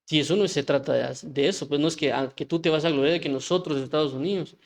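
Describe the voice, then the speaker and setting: A man's voice: fairly high pitch, fast. A man preaching an informal sermon, talking conversationally with frequent restarts and rhetorical questions.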